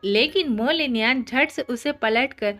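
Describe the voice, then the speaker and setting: A woman narrating a manga story in a lively, conversational storytelling manner. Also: sits high, unhurried, faint music behind.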